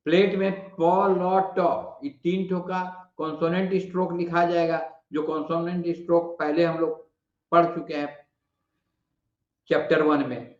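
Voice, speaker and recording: Man, Bihari Hindi accent, shorthand teacher, high voice, patient repeated explanations, muffled echoey recording. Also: level tone. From India. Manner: patient, drawn-out explanations, repeats sounds aloud. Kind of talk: classroom lesson explaining shorthand vowels.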